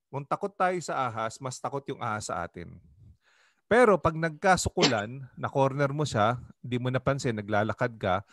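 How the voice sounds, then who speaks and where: A man's voice: mid-range voice, animated, normal speed, fairly bright tone, dry recording. A Filipino man, a pastor, leading a Bible study in a conversational way and often asking the group questions. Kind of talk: Bible study teaching in mixed Tagalog and English.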